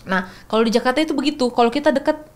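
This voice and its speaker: A young woman from Makassar, Indonesia, appears as a guest speaker on an explanatory podcast, talking very fast in a high voice. She comes across as thoughtful, with many restarts and fillers.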